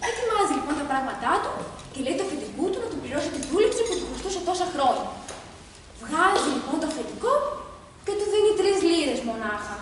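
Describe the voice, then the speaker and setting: An expressive woman storyteller reads a folk tale aloud and now and then addresses her listeners directly. Her high, lively voice sounds far from the mic in a very echoey hall with background noise.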